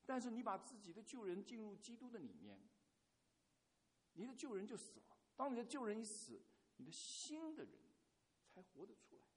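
A man's voice: sits high, very animated, moderate pace, breathy edge, in a large hall. A man preaching a sermon, telling a story and putting questions straight to his congregation. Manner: asks the congregation questions directly.

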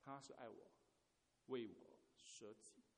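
A man's voice: mid-range voice, slow, big-room sound. A man preaching a sermon, telling a story and putting questions straight to his congregation. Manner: asks the congregation questions directly.

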